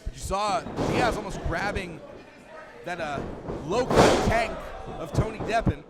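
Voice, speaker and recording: A man delivers live wrestling commentary in a high-set voice. His phrasing is dramatic and wordy, as a ringside announcer would talk. Very loud noise surrounds him throughout. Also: normal speed.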